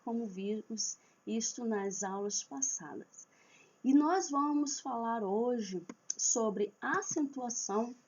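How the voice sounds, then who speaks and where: Woman teacher explaining grammar, husky and a bit high, dull muffled recording. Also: darkish tone. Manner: slow, explanatory, with hesitations and restarts. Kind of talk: online grammar lesson.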